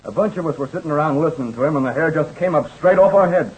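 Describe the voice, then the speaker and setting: An American actor playing an eager, folksy young pilot in an old radio drama, with an earnest, hesitant way of talking. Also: male voice, fairly high pitch, expressive, rapid-fire, breathy edge, narrow, tinny audio. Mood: animated, skeptical.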